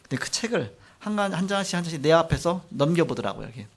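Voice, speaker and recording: A middle-aged man preaching a sermon, telling a personal testimony in an animated storytelling way. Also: a little high, fast talker, slightly rough. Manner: animated storytelling, acts out quotes, frequent trailing "like this". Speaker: pastor.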